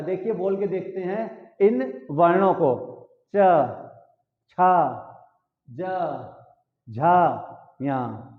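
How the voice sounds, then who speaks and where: A man teaching a lesson to children, asking questions and answering them himself in a repetitive call-and-response style. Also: high voice. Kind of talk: classroom lesson on Hindi consonants. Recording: echoey room, tinny phone-like audio.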